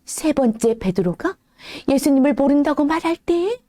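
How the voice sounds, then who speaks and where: A woman as a children's church teacher, telling a Bible story to toddlers in a gentle, animated way. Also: high voice, normal speed, no room sound.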